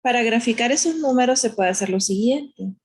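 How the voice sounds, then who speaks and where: A woman teaches a math lesson step by step, patiently explaining, using diminutives, and often checking with "¿verdad?". Her voice is a little high and a little fast, with a breathy edge.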